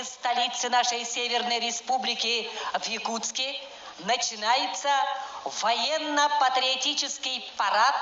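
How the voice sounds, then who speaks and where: A parade announcer making solemn, measured, formal ceremonial announcements. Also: high-pitched. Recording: echoing outdoor loudspeakers, dull, noisy.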